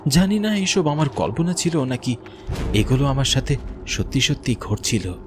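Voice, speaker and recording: A man in a mid-range, sing-song voice at normal speed narrates over music. His scripted first-person horror story casts him as a government officer, haunted as he recounts visiting a mine.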